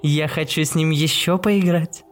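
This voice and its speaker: A man voicing a sinister, cruel teenage ghost girl who sings and taunts in a slow, eerie sing-song. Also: on the high side, fairly even intonation, faint music behind, voice pushed up, lightly acted. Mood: gleeful menace.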